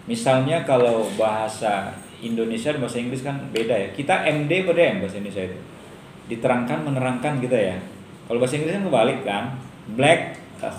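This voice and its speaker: Middle-aged male lecturer, casual and joking, tosses rhetorical questions to the class; roomy room, faint noise. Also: mid-range voice. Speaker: university lecturer.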